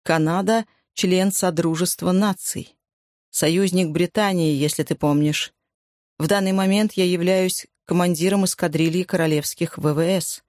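Reader doing a cool calm officer guy, cold and unruffled, dry sound. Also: mid-range voice, moderate pace, no echo, close to an everyday voice. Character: cool composed male pilot officer.

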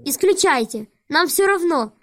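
A woman's voice: extremely high pitch, animated, normal speed, dry recording, clean studio sound. A woman voicing a clever, determined teenage orphan girl who speaks urgently and accusingly in an audiobook. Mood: defiant. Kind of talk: audiobook dialogue reading.

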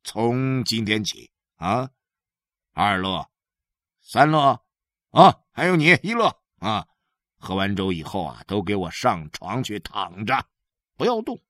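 A gruff, hungry father with a coarse tongue drags out his words, his pitch rising and falling sharply, as a man puts him on in an audiobook. The sound is dry and close. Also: sing-song, takes it slowly, pauses often, fairly bright tone, dry recording. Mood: gruff weary. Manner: coarse, swearing, drawling.

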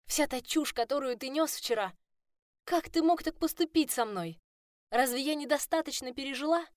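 A woman's voice: high-pitched, normal speed, no room sound, studio quality, voice pushed up, close to an everyday voice. A woman voicing an angry, betrayed young heroine in a first-person audiobook. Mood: furious. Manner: shouting, accusing.

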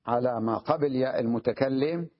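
Husky male grammar teacher, lo-fi. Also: medium pitch. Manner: repeats key phrases slowly, checks understanding with questions. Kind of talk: classroom grammar lesson. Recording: dull lo-fi dry recording.

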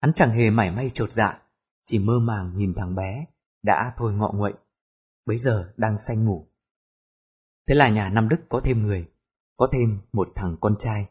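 A man narrating an audiobook in a steady storytelling voice. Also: fairly low pitch, a little slow, long pauses, slightly rough. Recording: dull lo-fi recording with music.

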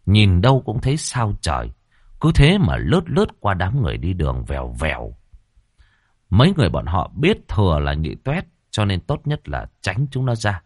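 A man's voice: low-pitched, huge pitch swings, moderate pace, no room sound, clean studio sound. A man narrating a comic ghost story in a dramatic, colloquial way.

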